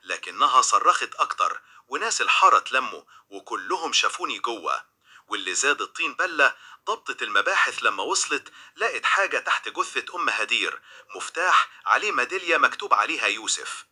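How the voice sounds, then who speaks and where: Young Egyptian male narrator, first-person crime story, bright husky voice, lively pitch. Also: a little fast. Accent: Egyptian Arabic. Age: young adult. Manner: dramatic, tense.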